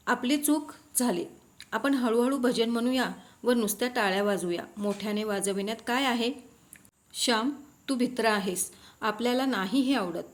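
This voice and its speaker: A woman reading a classic novel aloud, in a steady and expressive storytelling manner. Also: fairly high pitch. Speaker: audiobook reader.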